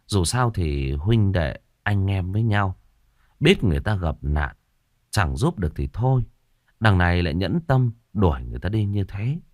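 A man with a fairly low voice narrates a ghost story, his pitch rising and falling in a lively way. The sound is dry and close-miked. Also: normal speed, no room sound. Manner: expressive storytelling.

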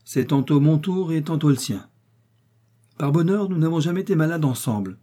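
A man voicing a burly, gruff but cordial male doctor who speaks in a confiding way, in an audiobook reading. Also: a little high, animated, moderate pace, dark tone, voice pushed up. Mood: uneasy.

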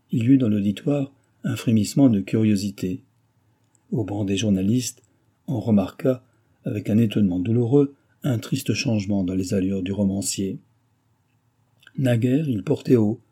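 Homme narrateur à la voix sombre et voilée. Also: male voice, on the low side, warm tone, slightly rough. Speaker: audiobook narrator. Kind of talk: scripted narration.

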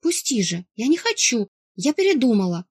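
A woman's voice: on the high side, expressive, moderate pace, darkish tone, no room sound. A woman voicing a naive teenage younger sister who whines and pleads through tears, in an audiobook read in a dry room. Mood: pleading. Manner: whiny, tearful pleading.

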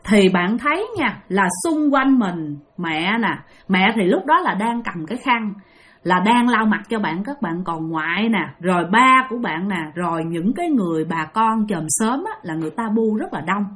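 A woman's voice: medium pitch, lively intonation, moderate pace, a bit bright. Chatty Southern Vietnamese woman storyteller. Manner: chatty, addresses listeners directly. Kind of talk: spoken ghost story narration.

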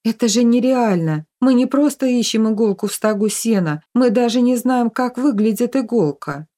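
Tired grumpy young woman read by a woman, grumbling, mellow tone, audiobook. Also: a little high, lively intonation, normal speed, pitched above the performer's own voice, close to an everyday voice. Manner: weary grumbling.

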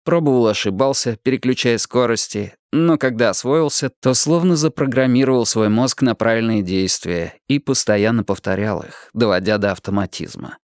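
A man reading a thriller audiobook in a steady, even storytelling manner. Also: mid-range voice, normal speed, hardly any pauses, dry recording, studio quality. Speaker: audiobook narrator. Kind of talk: scripted narration.

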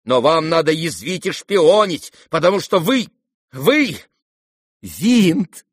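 A man's voice: sits high, huge pitch swings, extremely slow, darkish tone, breathy edge, no echo, studio quality, voice pushed up, full character voice. A man voicing a bitter young man who shrieks in anger, almost choking on his words. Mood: shrill.

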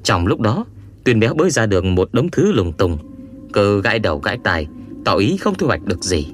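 A man reading an adventure audiobook aloud in a measured, expressive first-person storytelling manner. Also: lowish voice, soft background music. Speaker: audiobook narrator. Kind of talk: scripted first-person narration.

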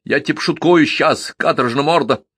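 A man voicing a gruff peasant carter who grumbles, scolds and shouts in anger. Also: on the high side, normal speed, no echo, studio quality, voice pushed up. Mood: angry. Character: gruff bearded peasant carter, suspicious and quick-tempered.

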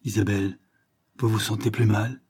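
A dignified husband speaks gently and gravely, as a male reader voices him. His husky voice has a warm, mellow color. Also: fairly low pitch, little pitch movement, moderate pace. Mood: earnest.

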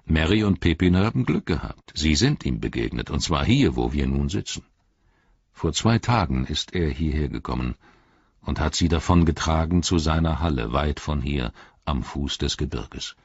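A man voicing a wise, wry old male wizard in an audiobook, speaking in a measured, solemn way. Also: extremely low pitch, lively intonation, husky, dry recording, highs cut off, full character voice. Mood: grave. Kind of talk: audiobook reading.

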